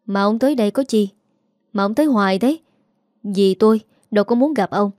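A wounded young man with a Southern Vietnamese accent, earnest and pleading on the edge of tears, as a woman reading a story voices him. The sound is warm, mellow and dry. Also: medium pitch, a little fast, no room sound, lightly acted. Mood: defiant. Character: young adult orphan son, hurt and pleading.

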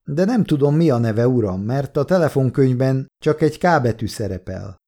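A man voicing a polite young woman who speaks haltingly and unsurely on the phone. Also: mid-range voice, expressive, mellow, voice pushed up.

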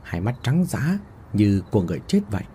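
A man narrating a horror story with expressive storytelling delivery. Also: on the low side, brisk, a little hiss or hum.

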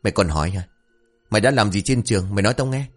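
A man's voice: lowish voice, racing, soft background music, close to an everyday voice. A man voicing a stern, angry middle-aged father in a read-aloud family story, scolding harshly. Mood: furious.

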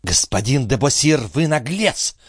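A man voicing a sharp-tongued, scornful young mother who scolds and exclaims, in a read-aloud story. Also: sits high, big pitch swings, normal speed, dry recording, clean studio sound, voice pushed up.

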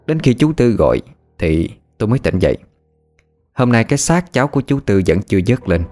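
A man narrating a ghost story in a measured, steady way. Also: medium pitch, soft background music.

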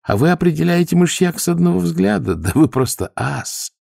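A man's voice: on the high side, big pitch swings, moderate pace, creaky, warm tone, dry recording, clean studio sound, voice pushed up, exaggerated voice. A man voicing a tough, sardonic male watch commander who barks and mocks with feigned politeness. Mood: mock-innocent. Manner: barking, sarcastic.

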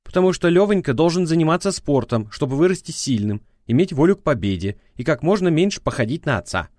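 A man's voice: on the high side, very animated, fast, darkish tone, no room sound, clean studio sound, voice pushed up. A man voicing a scornful, nagging ex-wife who lectures and mocks in a prosecutorial tone. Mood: mocking.

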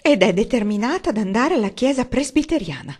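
Whiny fussy cousin lady, bit higher, moaning, put on by a woman reader. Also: sing-song, a little fast, darkish tone, slightly rough. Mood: whining. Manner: whining, plaintive. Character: whining fussy female cousin.

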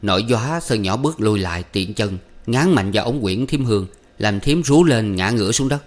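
A man narrating a story in a steady, even way. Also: fairly low pitch, moderate pace. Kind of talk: audiobook narration.

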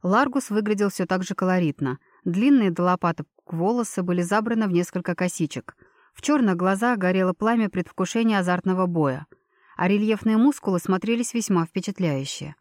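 A woman reading a first-person fantasy novel as a steady audiobook narrator, voicing the dialogue with small lifts. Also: medium pitch, fairly quick, dry recording, clean studio sound.

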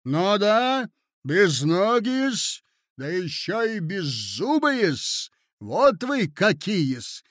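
Shrieking provincial gossip, loud and indignant; male reader voicing. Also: sits high, lively intonation, takes it slowly, no echo, studio quality, voice pushed up, exaggerated voice. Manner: shrieking, indignant, adds a servile '-s' to words. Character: shrill spiteful gossipy provincial lady.

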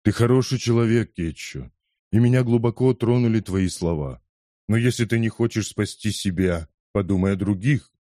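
A man voicing a persuasive conspirator in an audiobook, steady and insistent as he urges. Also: fairly low pitch, moderate pace, dry recording, studio quality, close to an everyday voice. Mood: urging. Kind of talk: audiobook character voice.

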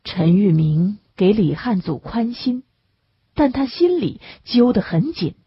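A woman narrating an audiobook in a measured, even storytelling manner, recorded close on the mic. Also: medium pitch, vocal fry, breathy edge, no echo. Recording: dull lo-fi recording.

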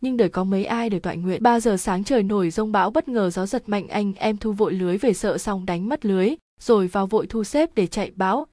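A woman narrating a story in a steady storytelling manner. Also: mid-range voice, quick pace, few pauses, no room sound, clean studio sound.

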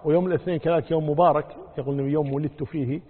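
A sheikh teaches a religious lesson in a husky, fairly high voice, repeating his points and checking that his listeners follow. The sound is thin and phone-like, with a long hall reverb trailing each phrase. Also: steady tone, rapid-fire. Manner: explains patiently, repeats key points, quizzes listeners. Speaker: sheikh answering religious questions. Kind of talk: religious lesson and fatwa answers. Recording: tinny lo-fi recording in a reverberant hall.

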